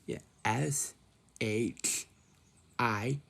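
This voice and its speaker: Slow, gravelly young man. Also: medium pitch, a bit bright. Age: 20s. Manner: repetitive, asks himself questions and answers them. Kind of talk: casual talk to camera.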